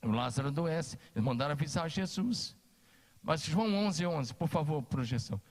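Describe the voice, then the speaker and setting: An emphatic Brazilian pastor delivers a sermon in a fairly high voice, hammering his points through repetition. His words ring out with the long reverb of a church hall. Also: expressive, moderate pace. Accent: Brazilian Portuguese. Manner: emphatic, repeats key phrases, rises for quoted lines.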